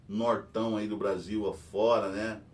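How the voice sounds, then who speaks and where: A man's voice: flat delivery, a little slow. Rambling Brazilian man, mic at a distance. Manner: rambling, filler-heavy, tag questions. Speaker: history and philosophy teacher hosting a news channel. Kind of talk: rambling casual commentary. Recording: distant mic with faint rumble.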